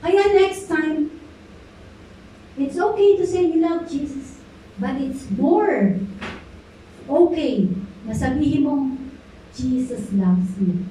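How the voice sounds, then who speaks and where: A woman's voice: sits high, takes it slowly, long pauses, mellow, slight background noise. A middle-aged woman pastor preaching a sermon, drawing amens from the congregation and mixing in English. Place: church hall. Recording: echoey hall, voice from far off.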